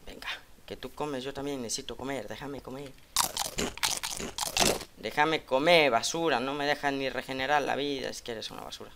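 A man commenting live on his own gameplay, needling opponents and repeating phrases over and over. His mid-pitched voice drops to mutters and then jumps to loud outbursts. Keyboard clicks and typing sound clearly behind him. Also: normal speed, long pauses, heavy background noise. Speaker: gaming channel host.

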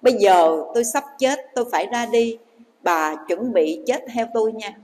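A woman's voice: a little high, animated, normal speed, a little mellow, in a large hall, natural voice. A woman voicing a dying rich old man who pleads with his wife, in a sermon story. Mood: pleading.

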